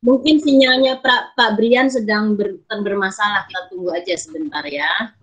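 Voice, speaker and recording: A woman teacher calmly reassuring her pupils during an online class. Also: medium pitch, normal speed. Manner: calm, reassuring. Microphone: video call. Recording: dull lo-fi video call audio.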